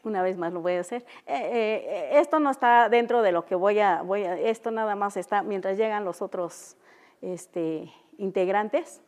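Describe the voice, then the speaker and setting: A young woman who speaks Mixtec natively, teaching an unscripted language class in an auditorium, halting with many fillers and repeating example sounds. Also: mid-range voice, darkish tone. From Oaxaca, Mexico. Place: university auditorium.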